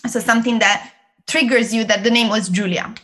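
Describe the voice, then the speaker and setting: A woman with an Italian accent, a guest in an interview, explaining learning techniques in a lively way and laughing often. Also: on the high side, fairly quick. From Italy. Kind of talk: interview conversation.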